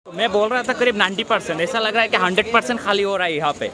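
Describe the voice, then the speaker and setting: Phone held out at arm's length, a Tripura man in his thirties vlogs his way through a crowded outdoor railway station. He speaks very fast in a high-pitched voice, relaxed and chatty, showing viewers around while crowd noise and vehicles sound in the background.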